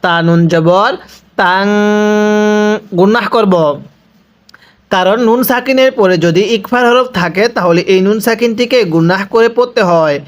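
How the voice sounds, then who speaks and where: Man, Bangladeshi Bengali accent, Quran teacher, patient spelled-out recitation, smooth clear voice. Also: sits high, normal speed, pauses often. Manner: patient, spells letters and vowels then drags out words. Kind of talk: slow spelled-out recitation lesson.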